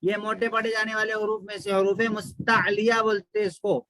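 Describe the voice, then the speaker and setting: A man teaching Quran recitation with a Pakistani Urdu accent, chanting verses slowly and then explaining them briskly, asking questions and answering them himself. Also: high voice, level tone, bright, forceful tone, no room sound, poor audio. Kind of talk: recitation lesson.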